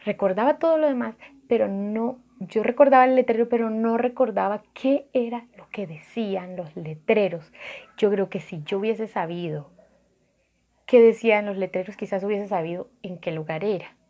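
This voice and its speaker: A Colombian woman with a Colombian Spanish accent, casually telling a personal story to camera, quoting people and dropping to soft asides. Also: medium pitch, moderate pace, dull audio. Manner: chatty, animated retelling with voiced quotes and soft asides. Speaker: vlogger.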